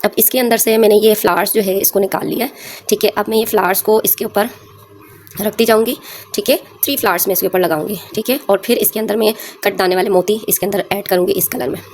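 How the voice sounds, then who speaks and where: A woman's voice: mid-range voice, fairly even intonation, quick pace, darkish tone, a little hiss or hum. A woman hosting a sewing tutorial at home, patiently explaining each step as she works. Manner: patient, explains while working, often says "theek hai" and "ye dekhein". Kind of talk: step-by-step craft demonstration.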